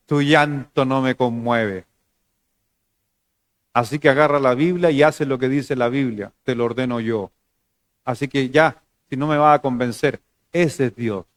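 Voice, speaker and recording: A pastor with a Chilean Spanish accent preaches a conversational sermon, cracking jokes and shifting between loud emphasis and soft, low asides. The recording is dry.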